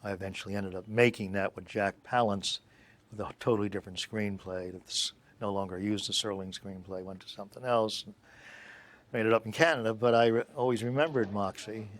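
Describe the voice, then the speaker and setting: An older male film producer telling animated interview anecdotes and acting out the dialogue. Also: lowish voice, fairly quick. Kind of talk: interview storytelling.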